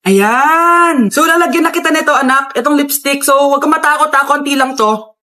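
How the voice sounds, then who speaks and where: A woman acting out family comedy skit dialogue in an expressive, exaggerated way. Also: sits high, moderate pace.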